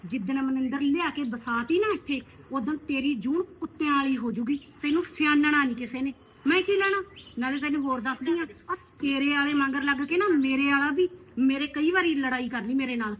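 A woman's voice: high-pitched, fairly quick, fairly bright tone, a little hiss or hum. A woman playing a blunt scolding neighbor woman. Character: sharp-tongued neighbor woman giving blunt advice. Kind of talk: rural family drama.

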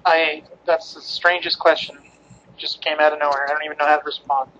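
Defensive young grandson, played by a man, comedy call. Sharp, forceful tone, slightly dull recording. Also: on the high side, little pitch movement, brisk, a little hiss or hum. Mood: exasperated. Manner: hesitant, defensive, argumentative. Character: defensive, exasperated adult grandson in denial. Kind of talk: improvised comedy phone-call skit.

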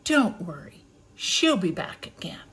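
A woman's voice: fairly low pitch, sing-song, a little slow, background noise. A woman voicing Grandfather Bear, a kindly old bear who explains things patiently in a storybook. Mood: gentle.

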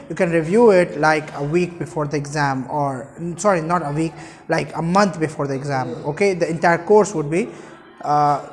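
A man's voice: on the high side, a little hiss or hum. A man in his twenties with a Pakistani accent lectures at a whiteboard, explaining emphatically and repeating key terms. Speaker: chemistry teacher. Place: indoor room at a whiteboard. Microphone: lapel mic.

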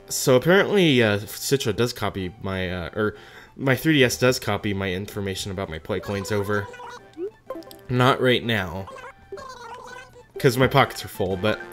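A gaming host giving casual gameplay commentary, musing aloud in an animated way and sometimes reading game text. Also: medium pitch. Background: game music.

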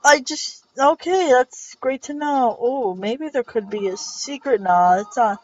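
A woman's voice: sits high, measured pace. Rambling young woman doing gameplay commentary. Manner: rambling, self-correcting, jokey. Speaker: let's play host. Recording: dull lo-fi recording with faint music.

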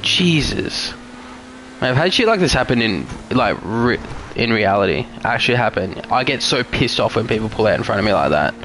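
Animated swearing young male game streamer. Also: medium pitch, moderate pace, a little hiss or hum. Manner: swears a lot, frustrated road rage; casual, chatty with viewers. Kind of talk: live gameplay commentary.

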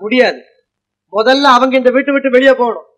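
An actor playing a defiant young nephew in a 1950s film, arguing and declaiming formal lines. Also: male voice, extremely high pitch, fairly quick, a bit bright. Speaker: nephew in the household.

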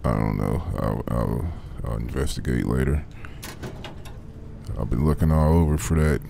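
A very deep, gravelly male voice drawls slowly through a let's play session. His tone is dark and mellow, loose and crude, more like talking to himself than to an audience. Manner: laid-back, crude, muttering to himself. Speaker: gaming commentator. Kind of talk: casual let's play commentary.

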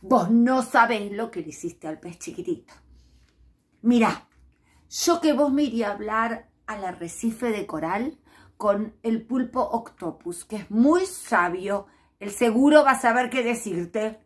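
A cross little starfish in a storybook, as a woman voices her, scolding in a Rioplatense Spanish accent. The voice is fairly high and firm. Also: animated, unhurried.

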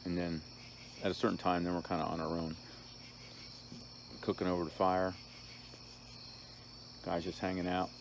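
Deep gravelly man talking around a pipe. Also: slight background noise. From New Jersey. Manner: relaxed, rambling, unhurried. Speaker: pipe smoking vlogger. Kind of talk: casual chat to camera. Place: outdoors at night in a backyard. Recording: outdoor night with loud crickets. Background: crickets chirping.

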